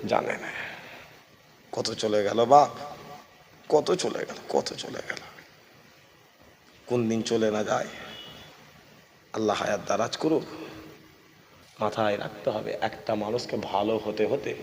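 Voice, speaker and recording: A man preaching a waz sermon, shifting from chanted, shouted passages to conversational asides that question the crowd. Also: fairly low pitch, fairly even intonation, unhurried, long pauses, slight background noise.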